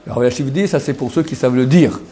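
A man teaching a religious class. He talks in a chatty way, checks often that the class follows, and slowly repeats words to show how they are said. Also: medium pitch, dark tone. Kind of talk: Torah class on Hebrew pronunciation.

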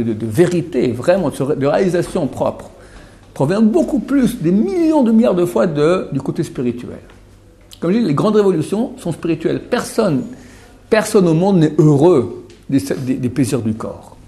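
A man's voice: a little high, warm tone. A middle-aged man teaching a sermon to a small audience, emphatic and repetitive, dropping to murmurs then rising again. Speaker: religious teacher.

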